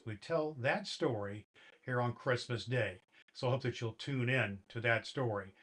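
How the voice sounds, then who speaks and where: A man's voice: medium pitch, fairly bright tone, close to an everyday voice. A man playing a jolly, kindly old Santa Claus, hosting a Christmas show for children in a folksy, emphatic storytelling way. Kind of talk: addressing children and reading a storybook.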